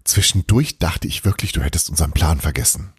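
A man's voice: a bass voice, lively intonation, brisk, slightly rough, no echo, studio quality, heavily acted. A man voicing a sheepish young witch woman who speaks hesitantly, with a wavering voice. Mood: sly.

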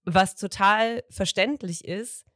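A woman's voice: medium pitch, slow, a bit bright, no room sound, clean studio sound. A woman interviewing a guest, appreciative and searching for her words. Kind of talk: conversational interview.

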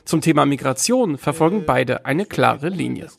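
Male reporter for scripted news narration, slightly high voice with noticeable creak. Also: lively intonation, moderate pace.

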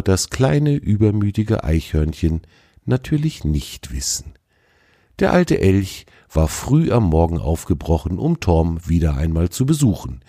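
Deep-voiced man reading a children's story. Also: mellow, dry recording, clean studio sound. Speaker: narrator.

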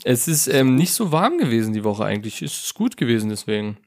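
A man's voice: medium pitch, sing-song, quick pace, a little mellow. Podcast guy at home, jokey, laughs a bunch, casual chat. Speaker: podcast co-host. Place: warm room at home with a fan. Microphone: home microphone.

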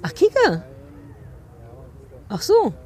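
A woman co-hosting a casual podcast chat, animated and self-mocking, talking in quick bursts. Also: extremely high pitch. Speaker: podcast co-host.

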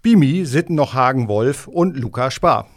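A middle-aged man from East Frisia, an editor-in-chief chatting frankly and casually on a podcast, dropping Low words. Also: moderate pace. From East Frisia, northern Germany. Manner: relaxed, frank, mixes in Low German words.

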